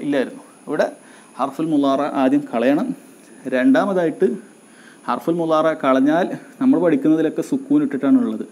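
Male teacher, mellow dark tone, patient step-by-step lesson delivery. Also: fairly high pitch. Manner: explains step by step, repeats key words slowly. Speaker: Arabic grammar teacher. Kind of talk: recorded grammar lesson.

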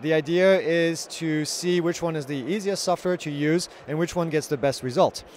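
A man's voice: a little high, moderate pace, darkish tone, slight background noise. A man in his thirties hosting drone news, reporting from a large convention hall into a handheld mic. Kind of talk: trade show report.

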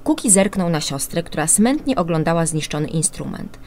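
A woman reading a children's story aloud on the radio, expressive and animated. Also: on the low side, fairly quick, a little hiss or hum.

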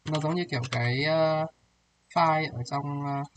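In a casual coding session, a man with a fairly high, steady voice and moderate pace guides a single student through programming exercises. He narrates his thinking while typing and frequently asks if the student keeps up. Music plays in the background, and the poor recording has a little hiss or hum.

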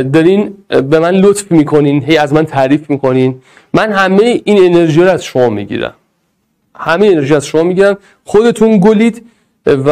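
A man teaching Arabic grammar in an energetic, playful way, speaking straight to his students. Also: a little high. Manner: animated, playful, addresses students directly. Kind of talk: energetic online lesson.

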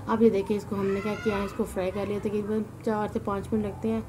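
A woman narrates her home cooking in an easy, chatty way, scattering devotional exclamations through her talk. She sounds tired and weary from fasting. The voice-over carries a clearly audible noise floor. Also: mid-range voice, little pitch movement. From Punjab, Pakistan. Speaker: cooking channel host. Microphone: voice-over mic, not in the pictured kitchen.

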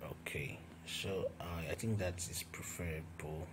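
Slow, deep-voiced man teaching design. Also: whispered, rough recording. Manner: talks through each step while working, with fillers and restarts. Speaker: design tutor. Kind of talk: screen-recorded software tutorial.

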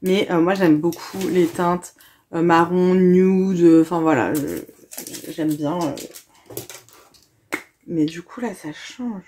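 A woman's voice: on the low side, takes it slowly, long pauses, a little mellow, slight background noise. A young woman, gushing and chatting casually as she unboxes a gift box for her viewers.

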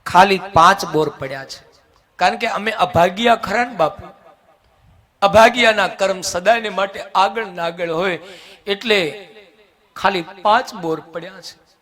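A man voicing a poor elderly widow who speaks softly and imploringly, sobbing as she pleads. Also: sits high, a little slow, pauses often. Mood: pleading, tearful.

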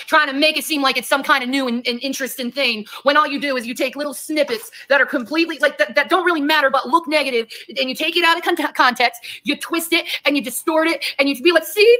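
A woman's voice: sits high, fast, hardly any pauses, sharp tone. A woman ranting on a livestream, heated, profane and confrontational, talking straight at her critics. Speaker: livestreamer in a played clip. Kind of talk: angry livestream rant.

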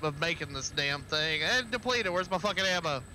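A man's voice: on the high side, lively intonation, moderate pace, sharp tone, a little hiss or hum, rough recording. A man streaming a helicopter flight sim, chatting casually with teammates over voice comms and laughing often. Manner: laid-back, laughing often.

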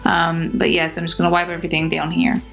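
A woman's voice: on the low side, fast, gravelly. Chatty young woman narrating a clean. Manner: chatty, relaxed, with frequent ums. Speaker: cleaning vlogger. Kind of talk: casual voice-over narration. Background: soft pop music.

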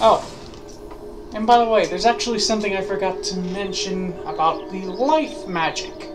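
A woman's voice: medium pitch, moderate pace. A woman giving casual gameplay commentary as the host of a gaming video. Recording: loud game music behind voice. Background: game music.

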